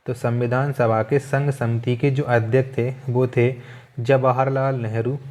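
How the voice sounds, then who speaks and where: A man with a mid-range, slightly mellow voice leads an exam-prep quiz lesson. He reads out each question, asks it again rhetorically and repeats the answers.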